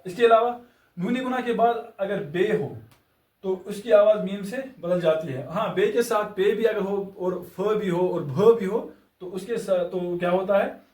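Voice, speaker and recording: A high-voiced male teacher walks through a lesson with patient, deliberate explanations, pausing to repeat each example slowly. His voice sounds distant and echoey, as if recorded in a reverberant classroom. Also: darkish tone. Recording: echoey room, voice far from mic.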